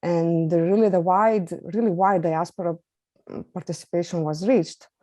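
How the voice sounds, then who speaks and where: A journalist from Lithuania, giving an earnest, formal webinar presentation over a video call. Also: female voice, on the low side, fairly even intonation, moderate pace, mellow, no echo. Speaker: journalist, invited speaker.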